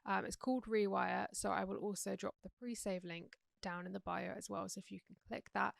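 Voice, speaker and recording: A young Englishwoman with a croaky sore throat, hosting a true crime podcast in an earnest, chatty way. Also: medium pitch, fairly even intonation, a little fast, no echo, clean studio sound. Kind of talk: casual true crime narration.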